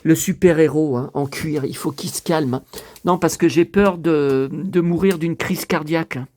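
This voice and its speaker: A man's voice: on the high side, moderate pace, a little mellow. Rambling chatty man on his balcony. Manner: rambling, chatty, keeps asking the viewers "you see?". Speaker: YouTuber. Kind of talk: casual vlog chat to viewers. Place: outdoors on a kitchen balcony facing a forest.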